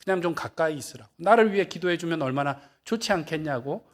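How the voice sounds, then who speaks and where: A man's voice: fairly high pitch, animated, quick pace, lightly acted. A man preaching a sermon, playing a coaxing tempter spirit in a sermon retelling. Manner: coaxing, wheedling persuasion. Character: sweet-talking tempter spirit, coaxing and soft.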